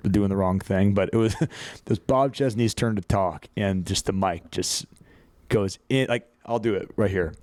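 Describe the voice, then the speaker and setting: Speaking in a clear, resonant, somewhat low voice, a young podcast host from the USA chats loosely about sports. His stories meander, profanity slips in easily, and he breaks into laughter partway through sentences.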